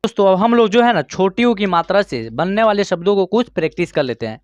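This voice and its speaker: A man's voice: high-pitched, animated, dry recording. A man teaching Hindi reading in an online class, sounding out each word syllable by syllable and drawing words out as he checks that students follow. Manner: slow, drawn-out word-by-word pronunciation with frequent check-ins.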